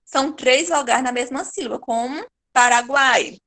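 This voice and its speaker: A middle-aged woman with a Brazilian accent teaching a grammar lesson, patiently repeating words slowly to show how syllables split. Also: sits high, fairly bright tone. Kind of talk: online Portuguese grammar lesson.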